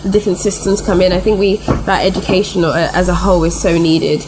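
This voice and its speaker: A woman's voice: lowish voice, steady tone, fast talker. A woman guest talks in a radio interview, searching for words with frequent ums. Faint noise sits under her voice. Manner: hesitant, full of ums. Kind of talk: interview conversation.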